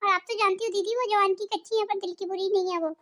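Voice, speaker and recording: Woman doing a kind young sister-in-law, cartoon, very high voice, consoling. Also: steady tone, fast talker, a bit bright. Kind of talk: cartoon voice acting.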